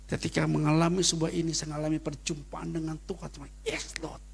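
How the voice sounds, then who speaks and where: A middle-aged man preaching a sermon as pastor, telling personal stories in casual slang and rising to sudden loud peaks. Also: a little high, level tone, quick pace, vocal fry, a little hiss or hum. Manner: casual Jakarta slang in anecdotes.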